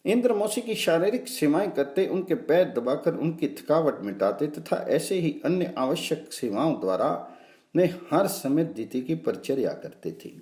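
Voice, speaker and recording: A man narrates devotional scripture in a measured, solemn recitation. His fairly high voice moves through lively, wide pitch swings on a mellow tone. The reading carries a noticeable room echo. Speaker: scripture reader.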